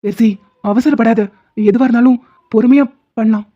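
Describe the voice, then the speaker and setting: A woman voicing a calm young cartoon man. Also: on the high side, normal speed, close to an everyday voice. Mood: soothing. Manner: steady, soothing, firm. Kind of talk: Tamil cartoon dubbing. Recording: dull lo-fi recording.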